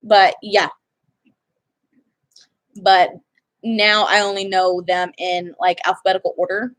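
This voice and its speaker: Her voice is medium in pitch, level in tone and a bit bright, and she takes it slowly. The young woman is vlogging in a chatty, rambling way, cutting herself off partway through sentences.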